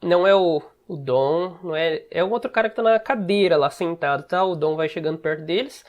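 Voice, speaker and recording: A man's voice: fairly high pitch, a little fast, muffled recording. Brazilian man teaching English casually. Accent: Brazilian Portuguese. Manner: explains step by step, often checks in with short asides. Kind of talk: casual screen-share lesson.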